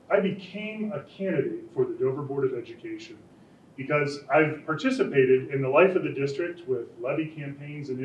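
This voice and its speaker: A middle-aged man speaks earnestly at a candidate forum, with a folksy touch. He sounds far from the mic in a roomy, echoing space. The sound is dull, with a faint hiss. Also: medium pitch. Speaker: school board candidate.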